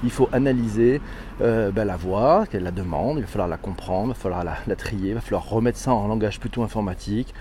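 Podcast host, male, mellow tone, chatty and animated, laughs often. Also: fairly low pitch, fast talker, a little hiss or hum. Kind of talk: casual chat reading listener messages.

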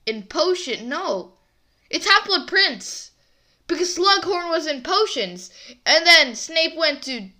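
A woman hosts a podcast on her own in a loose, chatty way, rambling from one point to the next. Her voice sits high and swoops around a lot. Its tone is bright and sharp. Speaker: podcast host. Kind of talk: casual solo podcast chat.

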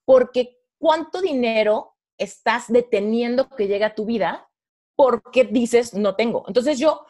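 Animated Mexican woman telling her story. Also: on the high side, a little slow. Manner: animated, acts out her own past thoughts in quotes. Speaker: podcast guest. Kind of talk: casual conversational storytelling.

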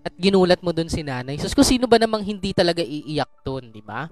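A man's voice: on the high side, very animated, brisk, soft background music. A man hosting an interview, summing up the guest's story and asking follow-up questions. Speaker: interview host. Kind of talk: interview talk.

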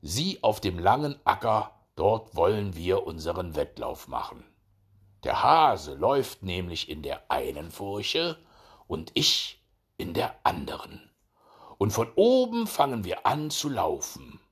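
A man's voice: deep voice, sing-song, slow pace, husky, full character voice. A man doing a cocky, sly little hedgehog. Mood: explaining. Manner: cocky, bossy. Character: sly stubborn male hedgehog.

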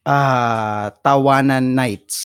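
A man co-hosting a podcast in casual chat, relaxed and musing. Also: mid-range voice, very slow, clear, resonant tone, no echo, clean studio sound. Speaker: podcast co-host.

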